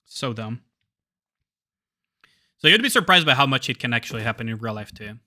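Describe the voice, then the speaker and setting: Guy streaming games, really bright voice, chats loose and swears a lot. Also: medium pitch, big pitch swings, normal speed. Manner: swears casually, reads story lines in his own voice. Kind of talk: casual live-stream chat while reading game dialogue aloud.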